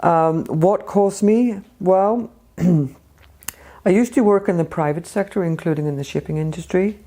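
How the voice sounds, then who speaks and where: A woman in her fifties with an Icelandic accent, speaking as an interview guest in a measured way, with frequent ums and restarts. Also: on the low side, mellow. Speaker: guest, Arctic policy expert. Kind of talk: casual interview talk.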